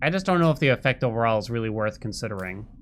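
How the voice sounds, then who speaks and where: This is a man in his thirties racing through animated live commentary on the game he's streaming. He's mid-range in pitch and talks in casual slang with plenty of swearing, over game music and slight background noise.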